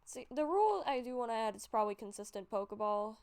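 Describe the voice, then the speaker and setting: Quick, animated and fairly high-pitched, this woman's voice is clean and a little mellow, though her nose is stuffy. Showing her game collection as a YouTuber, she rambles casually over the gameplay, often using fillers and correcting herself.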